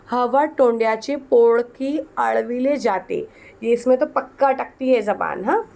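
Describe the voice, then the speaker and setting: A woman teaches an exam lesson in a slightly high, gravelly voice. She keeps asking her students questions and answering them herself, going over each point again and again. She is firm but coaxing, and calls her students "beta". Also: darkish tone. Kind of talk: exam-prep lesson explaining a paper.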